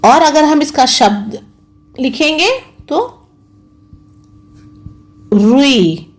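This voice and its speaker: A woman teacher giving an online lesson to young schoolchildren, spelling out each sound slowly and repeating words patiently. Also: sits high, big pitch swings. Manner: slow, careful, spelling out each sound and syllable.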